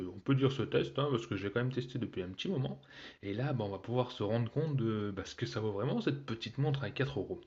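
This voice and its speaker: A man chats through an unboxing review in a casual, joking way. His voice has a slightly husky edge and sits at an ordinary middle pitch. He repeats himself and fills pauses as he handles the gadget. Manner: chatty and joking, with many fillers. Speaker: tech reviewer.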